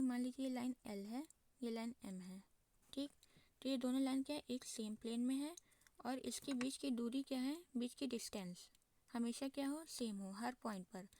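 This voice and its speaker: Woman maths teacher, kinda high voice, mellow, dry close mic, keeps asking then answering herself. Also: no room sound. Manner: asks and answers her own questions, checking with "ठीक है". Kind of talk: explaining a lesson at a board.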